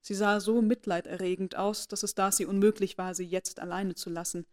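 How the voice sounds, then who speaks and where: A woman's voice: mid-range voice, fairly even intonation, fairly quick, a little mellow. Woman narrating a classic novel. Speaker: audiobook narrator. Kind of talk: scripted narration.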